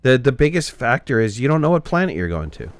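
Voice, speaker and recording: A man's voice: medium pitch, sing-song, quick pace. A man chatting casually with his viewers while he streams a game, joking around and answering chat.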